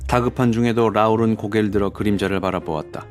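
A man narrating an audiobook in a steady, even storytelling manner. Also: on the low side, fast talker, soft background music.

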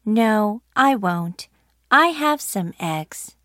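A woman speaking slow, clear dialogue answers. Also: mid-range voice, expressive. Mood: answering slowly. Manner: slow, deliberate.

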